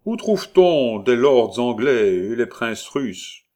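A man voicing a rough, burly young manservant with a hoarse, loud and gruff voice, as a storybook figure. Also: on the low side, lively intonation, measured pace.

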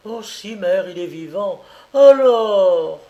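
A despairing young wife in a storybook reading, put on by a man, her voice lifted high and broken with grief. She pleads through tears, fragile and worn out. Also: lively intonation, slow, dark tone, muffled recording, heavily acted.

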